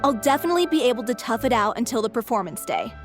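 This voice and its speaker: An actress playing a proud, determined lead actress in a video game, firm and indignant. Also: female voice, fairly high pitch, very animated, fast talker. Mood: resolute. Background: game music.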